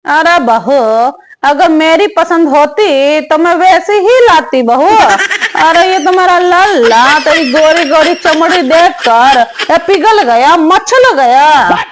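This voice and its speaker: A woman voicing a bossy, aging mother-in-law who nags slowly and scolds in a comic family sketch. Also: high voice, expressive. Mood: complaining. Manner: slow, scolding, drawn-out nagging.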